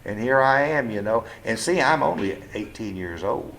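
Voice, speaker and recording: A man's voice: on the low side, animated, fairly bright tone, soft background music. A man in his seventies being interviewed at home about his life, speaking plainly and bluntly with some cursing, often stopping and restarting with "uh". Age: 70s. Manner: halting, with frequent restarts and "uh"s. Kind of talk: casual oral-history interview. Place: living room of his home.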